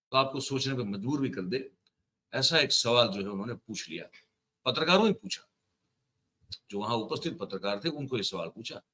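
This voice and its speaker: A male online news commentator addresses his viewers directly. His voice is bright and forceful, and his delivery is indignant and emphatic, pressing each point hard. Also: medium pitch.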